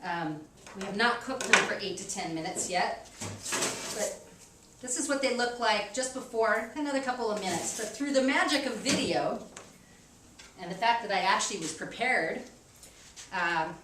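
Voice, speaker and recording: A woman's voice: medium pitch, moderate pace, long pauses. A woman hosting a library's cooking show, talking casually and self-deprecatingly with many ums as she demonstrates a recipe in a kitchen. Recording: echoey kitchen, distant mic, faint noise.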